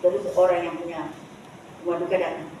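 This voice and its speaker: A woman gives a personal testimony at a church service, speaking in a halting, repetitive way, recorded from a distance. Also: fairly low pitch, level tone, highs cut off. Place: church hall. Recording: echoey church hall from far off, faint noise.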